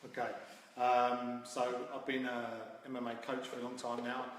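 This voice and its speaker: An MMA coach and founder in his 40s casually tells his story as an interview guest, his mid-range, fairly bright voice completely flat and at normal speed. The recording comes from a very echoey hall with a distant mic and faint noise.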